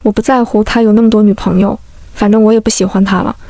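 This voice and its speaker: A woman reading a first-person emotional story as scripted narration, in a calm, steady manner. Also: medium pitch, fast talker, dry recording, studio quality.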